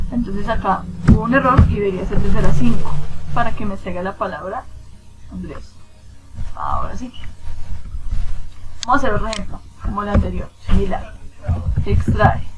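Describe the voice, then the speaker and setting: A woman's voice: on the high side, noisy background. A woman teacher giving a screen-recorded spreadsheet lesson. She asks and answers her own questions and counts positions aloud step by step.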